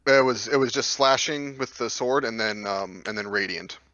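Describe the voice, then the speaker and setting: A man's voice: mid-range voice, normal speed, pushed and bright, no echo, muffled recording. A man playing a tabletop game, eagerly explaining the rules in casual chat.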